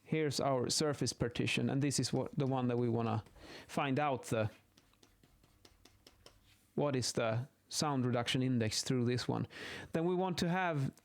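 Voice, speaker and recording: An unhurried man with a medium-pitched voice talks through acoustics measurement methods. It's an informal lesson improvised while he sketches, full of thinking aloud and self-corrections.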